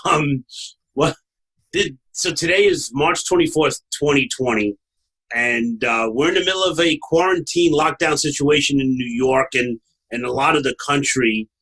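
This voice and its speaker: Male host, Brooklyn accent, husky voice, casual interview talk. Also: fairly high pitch, moderate pace, fairly bright tone, rough recording. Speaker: show host.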